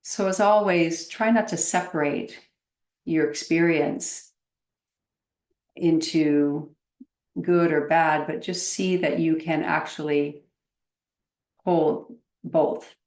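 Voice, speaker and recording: Her low-pitched voice holds a fairly even intonation as this woman meditation teacher leads a guided session. She goes gently and slowly, pausing for long stretches, in a recording with a roomy, echoey sound.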